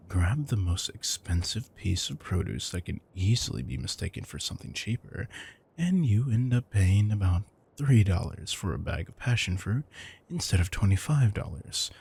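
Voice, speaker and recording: In an intimate audio roleplay, a man plays a retired supervillain who has become a caring, thrifty house husband. His voice is husky, gravelly, on the low side and a little mellow, and his heavily acted delivery comes across as smug, dry and affectionate.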